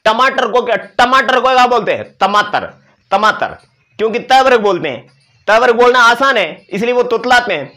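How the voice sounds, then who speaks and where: A man's voice: very high-pitched, a little fast, pushed and bright. A male teacher giving an exam-prep lecture, explaining and demonstrating sounds with playful asides to his students. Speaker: Sanskrit teacher.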